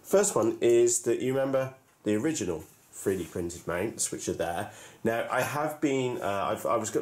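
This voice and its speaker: A man's voice: fairly low pitch, darkish tone. A man hosting a hobby vlog, talking casually in a chatty, jokey and self-mocking way. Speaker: hobby channel host. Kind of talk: casual enthusiast vlog to camera.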